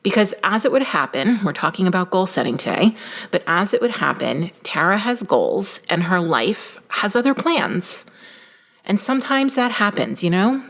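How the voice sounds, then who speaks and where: A woman hosting her own business podcast, talking in an energetic, straight-talking coaching manner, with a morning voice just after a workout. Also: medium pitch, moderate pace, creaky. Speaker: podcast host. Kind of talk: solo business podcast talk.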